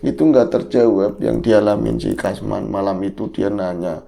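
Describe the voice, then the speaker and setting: A man co-hosting a horror podcast, retelling a driver's eerie experience in a casual, animated way. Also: moderate pace, vocal fry, soft background music. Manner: animated retelling, jumps up in pitch for quoted speech. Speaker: podcast co-host telling a story. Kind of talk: casual horror storytelling chat.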